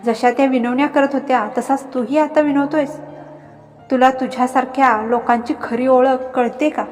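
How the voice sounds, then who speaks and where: A woman's voice: sits high, steady tone, moderate pace, darkish tone, lightly acted. A woman voicing a fierce, vengeful young husband who gives menacing commands, with reverb and faint music.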